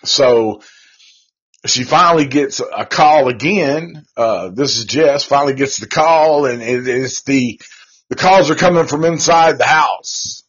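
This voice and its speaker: A man hosts a casual live movie review, wandering from thought to thought with casual profanity and slang. His voice is husky and his pace slow and unhurried. The recording sounds dull and lo-fi. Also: mid-range voice, fairly bright tone. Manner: rambling, profane, laid-back slang. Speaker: live show host.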